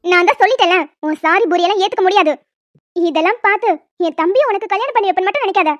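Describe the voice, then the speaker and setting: A woman voicing a hot-tempered cartoon housewife who scolds in harsh, shouting tirades. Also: extremely high pitch, rapid-fire, no room sound, highs cut off. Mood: angry. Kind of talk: animated cartoon voice acting.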